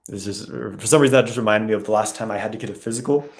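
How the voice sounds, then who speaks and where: A man hosting a casual live Q&A, reading viewer questions aloud and answering in a relaxed, rambling way. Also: lowish voice, very fast. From West.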